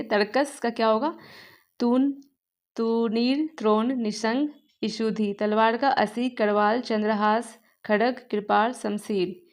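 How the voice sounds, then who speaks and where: A young woman teaching an exam revision class, reading long word lists aloud with brief asides to her students. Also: on the high side. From Bihar, India. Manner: rapid listing of words, brief asides to students.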